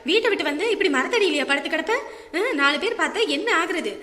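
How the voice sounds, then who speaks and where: A woman's voice: extremely high pitch, animated, fast, pushed and bright, reverberant, long reverb tail, full character voice. A woman playing an outspoken elderly village grandmother in a comedy skit, scolding and protective with emphatic calls. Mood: worried scolding.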